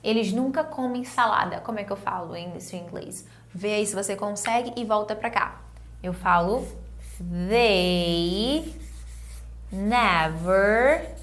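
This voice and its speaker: A young woman with a Brazilian Portuguese accent, teaching an online English lesson and slowly repeating words for students to drill. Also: mid-range voice, fairly bright tone.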